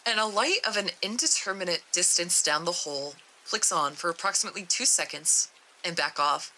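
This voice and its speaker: A young woman streamer reading a horror article aloud, steady with small stumbles. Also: fairly low pitch, fairly quick, slight background noise, rough recording.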